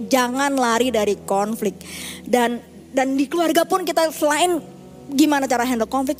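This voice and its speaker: A middle-aged woman pastor giving a sermon in a candid, conversational way, mixing in English phrases. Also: high-pitched.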